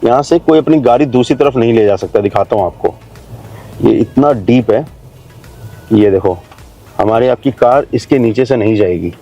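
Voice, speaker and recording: Man, casual vlog commentary, chatty and explanatory, mellow dark tone, faint music behind. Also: medium pitch, normal speed, dull audio. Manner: chatty, explains to viewers, calls them brother and friends. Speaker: travel and real estate vlogger. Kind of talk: casual on-site video commentary. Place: driving on a new expressway, partly outdoors at a building site.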